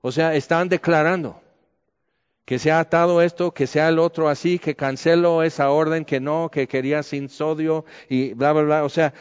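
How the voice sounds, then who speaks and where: A man with a Mexican accent preaching a conversational sermon, candid and colloquial with lively asides. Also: on the high side, normal speed, smooth. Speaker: pastor. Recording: echoey hall, dull lo-fi sound.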